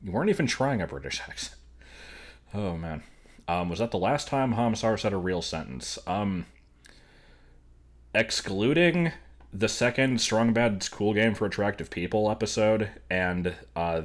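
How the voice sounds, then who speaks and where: A man's voice: low voice, moderate pace. A man streaming, giving casual, wry reaction commentary on cartoon clips.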